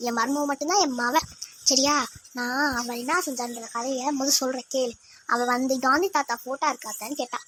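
A woman's voice: high-pitched, fairly even intonation, a little fast, a bit bright, slight background noise. A woman voicing a fond, scolding middle-aged mother-in-law in a cartoon, with a Tirunelveli Tamil accent. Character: doting middle-aged mother-in-law, bossy with her son. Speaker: cartoon character.

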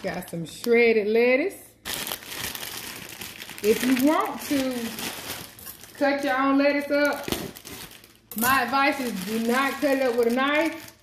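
A talkative woman walks her viewers through a home recipe, her voice a little high. She films on a phone held in one hand. There is clear kitchen noise in the recording, with a pan sizzling behind her. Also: takes it slowly, pauses often. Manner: chatty, talks to viewers while cooking one-handed. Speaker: cooking vlogger. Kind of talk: casual cooking chat. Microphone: phone camera held in one hand.

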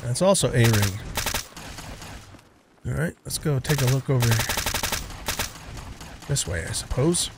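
A man's voice: medium pitch, animated, measured pace, long pauses, heavy background noise. A man giving casual gameplay commentary, musing aloud in a rambling way. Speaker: gamer narrating a let's play.

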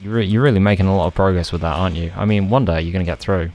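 A man cracking sarcastic jokes as he plays a horror game. His voice sits fairly low, with a casual, joking delivery. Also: steady tone, very fast, a little mellow. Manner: sarcastic, jokey. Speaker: gaming commentator. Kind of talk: casual gameplay commentary.

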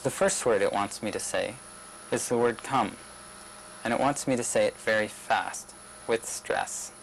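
A young man narrating a demonstration video in a measured, plain explanatory way. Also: on the low side, gravelly, slight background noise, poor audio. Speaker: researcher demonstrating a system. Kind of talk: scripted narration of a demo video.

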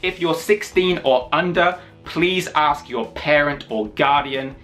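A man in his thirties hosting a video, making an enthusiastic announcement to camera with energetic, hammy emphasis and drawn-out phrases. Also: a little high. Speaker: YouTube wrestling channel host. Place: small indoor room with posters. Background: music.

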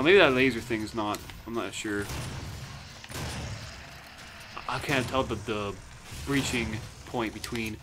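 A man's voice: on the low side, noisy background. A man chatting casually and playfully in slang as he plays a video game and comments on it. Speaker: gamer playing and commenting. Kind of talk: casual gameplay banter.

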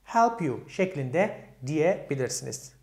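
A man's voice: on the high side, big pitch swings, slow pace, a little mellow. A man teaching English grammar to Turkish speakers. He poses questions to his students and answers them himself, and he says the English examples with a Turkish accent. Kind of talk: explaining grammar step by step. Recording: echoey room.

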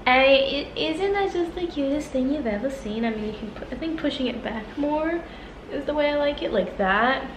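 A woman's voice: high voice, lively intonation, normal speed, echoey room, noisy background. A young adult woman chatting informally and rambling along in a casual vlog, talking to a camera at arm's length indoors. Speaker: vlogger. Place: living room, indoors. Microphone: camera at about arm's length.

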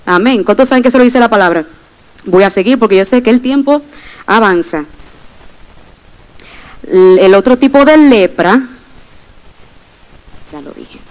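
A woman's voice: on the high side, expressive, moderate pace, long pauses, poor audio. A young adult woman preaching a sermon and giving personal testimony, speaking emphatically and addressing the congregation directly.

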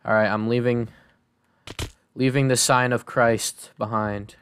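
A man's voice: mid-range voice, fairly even intonation, a little slow, a bit bright, clear, resonant tone. A man playing Minecraft with a friend, joking and reacting casually as he plays. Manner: joking, playful, mutters reactions to the game. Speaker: Minecraft server player, channel host. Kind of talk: casual gaming chat.

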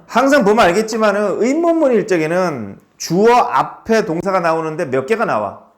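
Lively man teaching a grammar class. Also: sits high, normal speed. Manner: explains step by step and quizzes students with questions. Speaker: English teacher. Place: small tutoring academy classroom.

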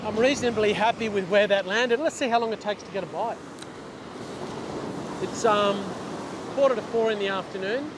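On a surf-lashed ocean beach, a middle-aged fishing channel host talks at a moderate pace in a high-sitting voice, leaving long pauses. His casual instructional vlog is chatty, with explanations given as he fishes and sentences often restarted. A lapel mic captures him over loud crashing waves and wind.

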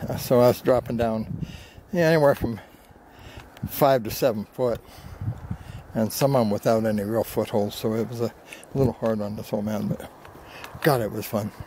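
On a rocky desert mesa slope, the seventy-ish vlogger narrates his hike into a camera at arm's length, folksy and poking fun at himself. His voice sits on the low side with a dark tone and fairly even intonation, at a moderate pace with long pauses. A little hiss or hum can be heard.

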